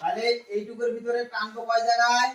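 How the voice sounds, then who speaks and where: A woman's voice: on the high side, level tone, fast, a loud crowd. A woman teaching Quranic letter reading by call and response, quizzing and correcting a pupil and drawing out syllables. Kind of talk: call-and-response recitation drill. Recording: echoey room, distant mic, faint noise.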